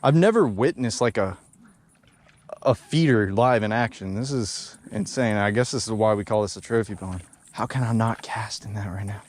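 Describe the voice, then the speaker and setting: Excitable young man fishing outdoors. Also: fairly low pitch, moderate pace, dry recording. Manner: excitable, slangy, bursts into shouts. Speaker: fishing vlogger. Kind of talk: excited outdoor vlog commentary. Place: outdoors at a pond bank.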